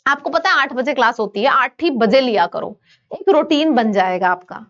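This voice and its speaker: A woman with an Indian accent teaching an online exam-prep vocabulary lesson, brisk and coaxing, switching between Hindi and English. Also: sits high, expressive, a bit bright, highs cut off.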